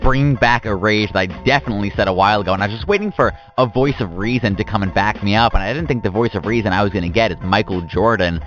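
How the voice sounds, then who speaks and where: A man's voice: on the low side, fast, hardly any pauses, a bit bright. A man co-hosting a casual sports talk show, giving emphatic opinions. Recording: dull lo-fi recording with faint music.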